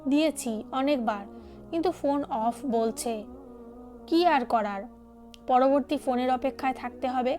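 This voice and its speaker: Woman reading a caring, determined young man in an audio drama; high voice, earnest. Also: a little slow, pauses often, darkish tone. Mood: concerned. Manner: earnest, protective. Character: concerned young man, protective groom.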